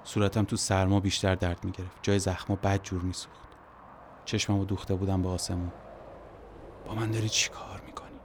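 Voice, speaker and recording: Low-voiced man narrating a story. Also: a little mellow, slight background noise. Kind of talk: first-person audio story narration.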